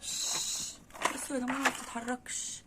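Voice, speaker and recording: An anxious woman with an Egyptian accent films a casual vlog in her apartment. Her voice sits high and she keeps exclaiming to her viewers. A steady noisy background runs under a home phone recording. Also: fast talker. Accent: Egyptian Arabic. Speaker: vlogger filming at home.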